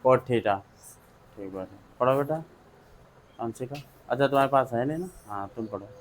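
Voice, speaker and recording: A man's voice: medium pitch, normal speed. A male maths teacher with a Hindi accent, lecturing a class, drilling students with repeated questions and calling on pupils by name. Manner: calls on pupils by name to read aloud.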